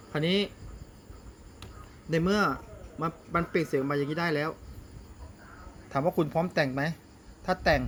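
A man hosting a casual music software tutorial, talking straight to the viewer and often asking whether they see it. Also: fairly high pitch, a little hiss or hum. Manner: talks directly to viewer, repeats "see?" often.

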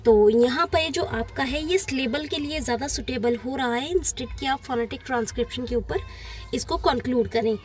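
A woman's voice: high voice, normal speed. A woman teacher giving an exam-prep lesson over slides, patient and repetitive, mixing in English terms. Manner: patient, repeats points, mixes in English terms.

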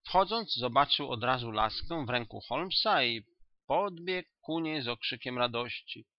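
A man reading an audiobook in calm, even scripted narration. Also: mid-range voice, moderate pace. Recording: dull, dry audiobook recording.

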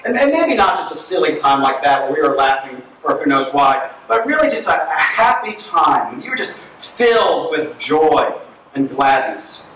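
A high-voiced man preaches in a church, telling stories animatedly with fillers and restarts. He sounds distant from the mic, and his voice rings through a very echoey room. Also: moderate pace, slight background noise. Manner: storytelling, animated, with filler words. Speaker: pastor. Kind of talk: sermon. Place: church sanctuary.

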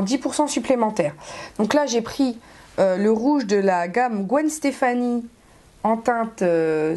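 A woman beauty vlogger chats through a makeup haul in a slightly high voice. She is expressive and loose-tongued and drops the odd swear word. When she gets riled up, she stumbles and repeats her words. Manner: chatty and expressive, swears casually. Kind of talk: casual makeup haul video.

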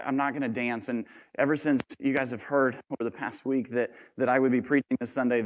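Male pastor, 30s, playful self-mocking sermon, mid-pitched, long reverb of a church sanctuary. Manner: joking, self-deprecating and lively.

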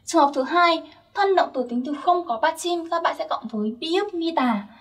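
A woman's voice: very high voice, animated, moderate pace, fairly bright tone, far from the mic. A young woman teaching Korean grammar step by step, patiently checking that her listeners follow. Her first language is Vietnamese.

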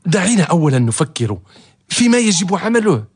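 An actor playing a cunning, devoted servant and eager suitor in a radio drama, theatrical and expressive. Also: male voice, high voice, brisk, breathy edge, heavily acted. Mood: soothing. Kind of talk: radio drama acting in formal Arabic.

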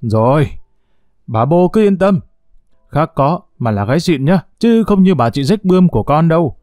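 A brash, flippant young son, as a male reader plays him, chatting carelessly. The voice is dark and warm. The recording is dry and close. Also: a little high, very animated, moderate pace, dry recording, voice pushed up. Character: cocky idle young man, lazy son.

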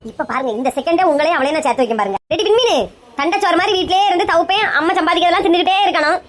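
A woman's voice: extremely high pitch, very fast, pitched below the performer's own voice. A woman voicing a bossy, scheming middle-aged mother-in-law with a Kanyakumari accent, scolding in a noisy recording. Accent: Kanyakumari Tamil.

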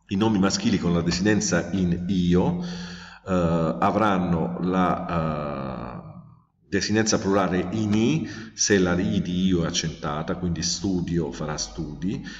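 Deep-voiced man teaching grammar. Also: slow. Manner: methodical, with frequent hesitations. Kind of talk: grammar lesson. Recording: echoey, distant, dull lo-fi sound.

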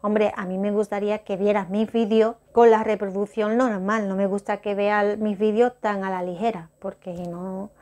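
A middle-aged woman, chatting slowly and deliberately to her viewers, often stopping to correct herself. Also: mid-range voice, flat delivery, mellow. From Spain. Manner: slow, careful, deliberate speech; chatty, self-interrupting. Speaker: vlogger. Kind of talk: casual talk to camera.

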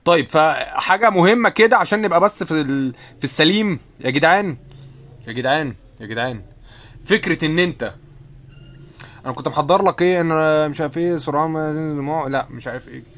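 A young man with an Egyptian accent chats casually on a live stream while sick, coughing occasionally, reading viewer comments aloud and replying with self-mocking jokes. He laughs often, and his voice is on the high side, brisk, and a bit bright.

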